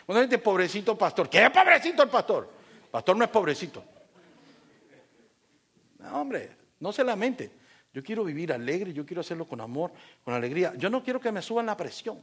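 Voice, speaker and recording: Male pastor, lively joking preacher with a slightly high voice, sermon from the pulpit. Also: brisk, long pauses, breathy edge. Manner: animated, joking preacher telling personal stories.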